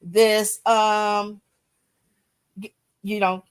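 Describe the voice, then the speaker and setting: A woman's voice: medium pitch, little pitch movement, extremely slow, clean tone. A woman with a Texan accent co-hosting a sports podcast, talking bluntly with plenty of profanity. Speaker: podcast co-host. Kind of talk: casual sports talk.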